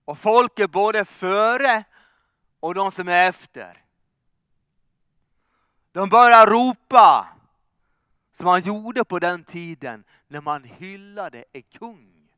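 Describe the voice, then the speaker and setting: Fervent preacher guy, high clear voice, loud calls then hushed bits, dry sound. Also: long pauses, no room sound. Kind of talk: sermon.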